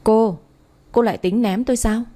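A woman's voice: fairly high pitch, normal speed, mellow, natural voice. A woman voicing a rebellious teenage boy, the class troublemaker, speaking in a sneering, bossy way in a storybook reading. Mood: defiant.

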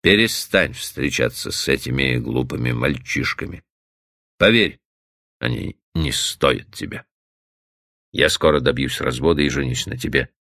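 A man reading an audiobook plays a jealous, grave middle-aged lover who speaks low, sullen and restrained. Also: unhurried, gravelly, sharp tone, dry recording, clean studio sound, exaggerated voice. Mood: pleading.

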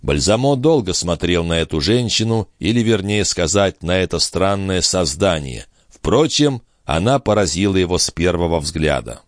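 A man reading an audiobook aloud, giving the narration a lively, expressive delivery. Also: sits low, moderate pace, hardly any pauses, dry recording, clean studio sound. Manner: expressive reading, acts out characters.

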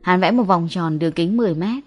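A woman's voice: fairly low pitch, quick pace, no echo. A woman presenting and narrating a scripted story in the manner of a late-night radio host.

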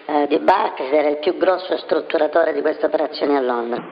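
An anonymous man whose voice is disguised with a deep pitch shift, answering interview questions hesitantly with many fillers and restarts. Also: fairly quick. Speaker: anonymous banker source. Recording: dull lo-fi with faint noise.

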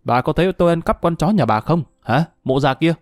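A man voicing a hot-tempered ex-convict husband who shouts and curses roughly. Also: medium pitch, animated, fast talker, dry recording, studio quality, close to an everyday voice. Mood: menacing.

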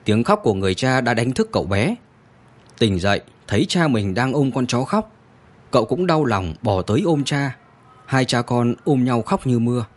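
A man narrating a story in an expressive, dramatic scripted reading. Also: medium pitch, normal speed.

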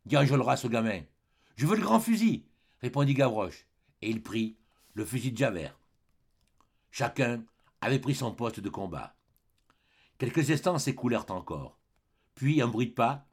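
A man reading an audiobook aloud in a slow, dramatic narration. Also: medium pitch, vocal fry, breathy edge. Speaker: audiobook reader.

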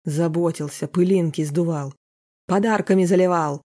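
A reader voicing a jealous, domineering husband in an audiobook, scornful and shouting. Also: mid-range voice, normal speed, natural voice. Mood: bitter. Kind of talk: audiobook character reading.

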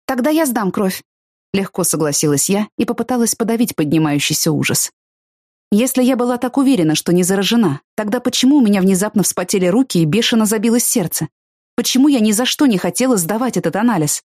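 A woman narrating a novel in the first person, expressive and animated in the dialogue. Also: mid-range voice, fast talker, no room sound, studio quality. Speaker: audiobook narrator.

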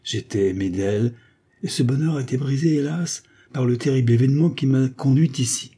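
A man's voice: medium pitch, a little fast, warm tone, slightly rough, voice pushed up, close to an everyday voice. A man voicing a melancholy young woman accused of a crime, telling her story in a sorrowful then firm way. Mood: wistful.

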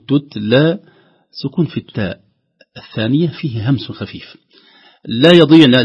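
A man teaching Quran recitation rules on a call-in lesson, explaining patiently with drawn-out filler pauses and slowly voicing words aloud to show how they sound. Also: mid-range voice, slightly rough. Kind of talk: tajweed lesson on a call-in broadcast. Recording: dull lo-fi broadcast audio.

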